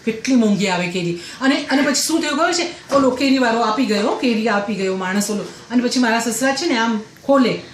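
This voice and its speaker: A woman's voice: a little high, lively intonation, brisk, hardly any pauses, close to an everyday voice. A woman playing a gossipy middle-aged housewife who complains about her in-laws, talking breathlessly and repeating herself. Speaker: comedian. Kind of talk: comic character monologue. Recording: roomy echoey recording, faint noise.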